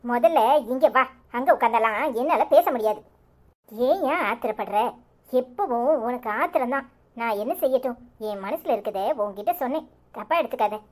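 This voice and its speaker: A woman's voice: a little high, expressive, moderate pace, lightly acted. A woman voicing a jealous young wife in a cartoon comedy, with a Tirunelveli Tamil accent. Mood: pleading. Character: jealous young wife Anitha, feverish and pleading. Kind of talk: village cartoon drama.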